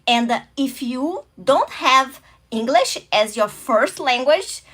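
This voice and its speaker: A Brazilian woman, a native Portuguese speaker with a Brazilian Portuguese accent, hosts a motivational talk in a high, expressive, fairly bright voice at a slow pace. She's earnest and welcoming, though she sometimes searches for English words.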